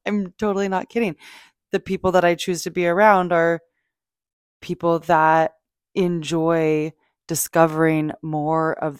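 A podcast host with a deep voice talks casually and unscripted about self-help, gushing, emphatic, and sweary. The clean studio recording has no echo.

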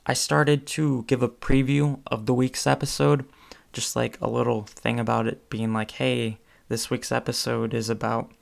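A young man with a creaky, medium-pitched voice hosts his own podcast. His casual solo monologue rambles, full of ums and restarts.

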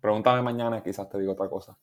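A man's voice: fairly low pitch, very fast. Laid-back Puerto Rican young man. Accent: Puerto Rican Spanish. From Puerto Rico. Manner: relaxed, rambling, restarts often, laughs easily, mixes in English words. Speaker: musician guest. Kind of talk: casual interview chat.

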